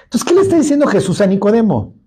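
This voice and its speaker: A man's voice: high voice, very animated, racing, dark tone, slightly rough. A man with a Mexican accent teaching a Bible study in a colloquial, joking way, full of asides. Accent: Mexican Spanish.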